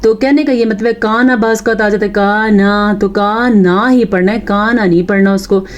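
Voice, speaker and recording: Mellow-voiced woman teaching Quran recitation. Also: mid-range voice, fairly even intonation, lo-fi sound. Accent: Pakistani Urdu. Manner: recites verses slowly, then explains and corrects errors. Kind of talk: tajweed lesson.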